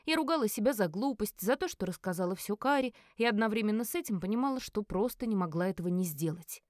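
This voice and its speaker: A woman narrating a first-person fantasy novel as an audiobook, with an expressive, emotional delivery. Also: mid-range voice, quick pace, no echo, clean studio sound.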